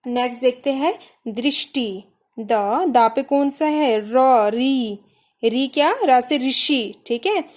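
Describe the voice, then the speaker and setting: A woman with a high voice teaches children a grammar lesson at an unhurried pace. She breaks each word down syllable by syllable with patience. She poses questions and then answers them herself. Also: darkish tone. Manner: patient, slow, spelling out syllables one by one.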